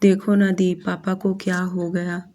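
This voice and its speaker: A loyal younger sister stands up for her elder sibling, read by a woman narrator. She speaks earnestly and firmly, in a soft, mellow voice. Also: on the low side, flat delivery, unhurried, close to an everyday voice. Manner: earnest, insistent.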